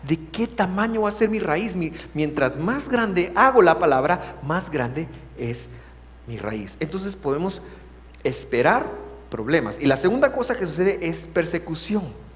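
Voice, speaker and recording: A Guatemalan pastor preaching with a lively, swinging voice that sits a little high for a man. He moves between loud emphasis and hushed, drawn-out words. The sound carries a long church-hall reverb over a faint hum. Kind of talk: sermon. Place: church sanctuary.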